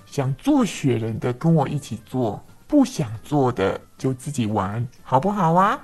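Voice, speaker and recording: A woman's voice: a bass voice, sing-song, unhurried, a little mellow, soft background music, voice pushed down, full character voice. A woman voicing a little male fox who is easily cross, in a children's storybook reading. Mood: friendly.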